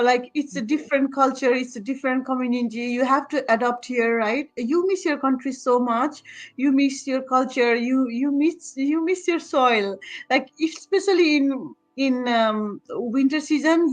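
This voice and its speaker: A woman from Nepal with a high, light voice speaks over a video call. She talks in a relaxed, halting way, full of fillers and restarts. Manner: hesitant, many fillers and restarts, laughs often. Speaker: guest. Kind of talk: casual video-call chat.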